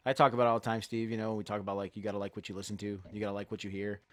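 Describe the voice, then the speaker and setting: A man's voice: on the low side, flat delivery, racing, no room sound. A man hosting a casual music chat podcast, easygoing and rambling with fillers. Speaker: podcast host.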